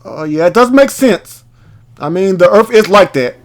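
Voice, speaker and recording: A gaming video host with a high-pitched voice speaks at a moderate pace with lively intonation. He comments casually on a game playthrough and reads text aloud, keeping it informal and often stumbling over words.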